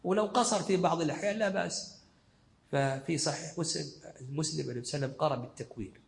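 Fast-talking male sheikh teaching. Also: a little high, creaky. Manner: explains in short, repeated phrases. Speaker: sheikh teaching a fiqh text. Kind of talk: scholarly lesson commentary.

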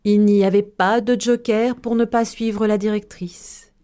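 A woman storyteller narrating a tale with measured expression. Her tone is mellow and her pitch sits in the middle. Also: steady tone, smooth.

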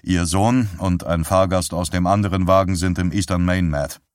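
A man voicing a reserved police sergeant who reports in a measured, formal, businesslike way. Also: deep voice, no room sound, clean studio sound, close to an everyday voice.

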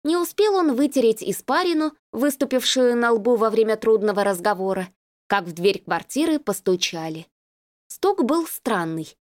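Woman reading a story out loud, really lively voice, goes up and down a lot. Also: on the high side, moderate pace, no room sound. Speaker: audiobook reader. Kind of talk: scripted narration.

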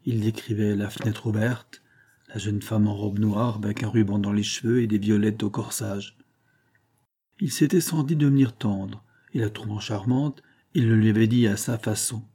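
A male audiobook narrator reading a nineteenth-century novel in a measured, even manner. His voice sits low and sounds dark and mellow. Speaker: audiobook reader.

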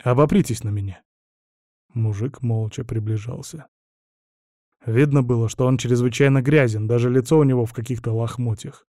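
A man narrating a first-person audiobook in a gruff, blunt, dramatic reading. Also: medium pitch, steady tone, moderate pace, mellow, no echo, clean studio sound.

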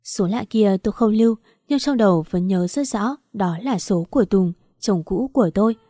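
A woman's voice: mid-range voice, lively intonation, normal speed, mellow, no room sound, clean studio sound. A woman narrating a first-person story, telling it plainly and lifting her voice a little for the quarrels.

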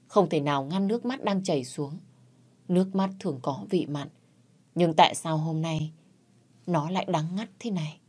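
Low-voiced woman narrating a story. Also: darkish tone, breathy edge. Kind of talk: first-person audio story narration.

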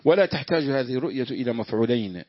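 Male student reader, brisk, classical text, dull lo-fi recording. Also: mid-range voice, animated, dry recording. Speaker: student reading the text aloud. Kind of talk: reading a classical text aloud.

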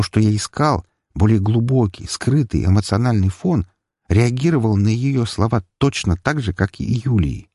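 A man narrates a first-person audiobook in a low, husky voice. His delivery is measured yet expressive, and his pitch moves freely. The recording is dry and close, with no room sound. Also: dry recording.

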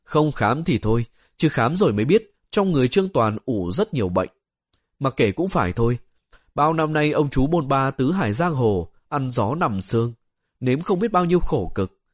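Man narrating audiobook, steady even pace, mid pitch, dry close sound. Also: moderate pace, dry recording. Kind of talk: storybook narration.

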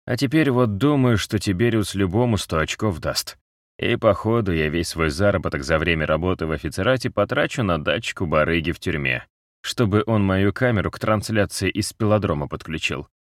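A man's voice: low voice, lively intonation, fairly quick, no echo, clean studio sound. A man reading an audiobook, voicing a mocking, unrepentant wounded male captive whose broken jaw is wired shut, with a lazy, sneering manner. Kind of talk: audiobook character voice.

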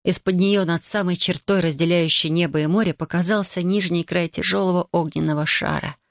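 A man narrating an audiobook in a measured, even reading style. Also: high-pitched, gravelly, dry recording, studio quality.

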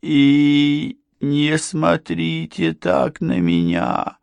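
A panicked, childlike madman who begs and pleads. The voice sits very high and thin, with a clean, dry sound. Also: steady tone, a little slow, creaky, a little mellow, no room sound. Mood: terrified. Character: frightened mad young man, childlike.

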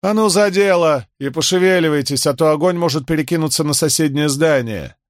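A man voicing a cold, calculating, smug rich Roman in an audiobook, cool and measured. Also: fairly high pitch, dry recording, studio quality, voice pushed up, close to an everyday voice. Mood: brisk. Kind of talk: audiobook character voice.

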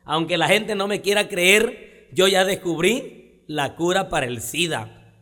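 Guy playing a sly old mexican healer lady, deadpan, highish voice. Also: unhurried, in a large hall. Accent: Mexican Spanish. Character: old folk healer woman, sly and matter-of-fact.

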